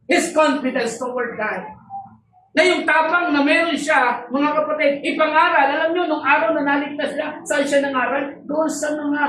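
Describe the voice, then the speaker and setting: A woman preaches to her congregation in a high voice, stressing words and asking the room rhetorical questions. The recording is roomy and echoey, picked up from a distance. Faint ambient noise sits behind her. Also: a bit bright. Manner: code-switching, rhetorical questions, emphatic. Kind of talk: sermon to a congregation. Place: church hall.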